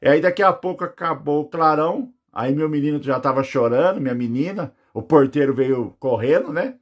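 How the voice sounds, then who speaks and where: A man's voice: fairly high pitch, a little fast. A Brazilian man recounting a personal experience, rambling with many fillers. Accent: Brazilian Portuguese. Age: adult with children. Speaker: near-death experience witness. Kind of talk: personal testimony.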